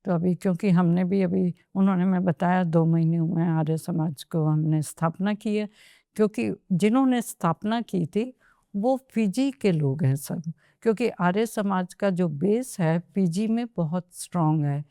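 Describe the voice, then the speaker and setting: A woman guest on a podcast interview, telling her story at an unhurried pace and slipping English phrases into her Hindi. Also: on the low side, mellow, dry recording, clean studio sound.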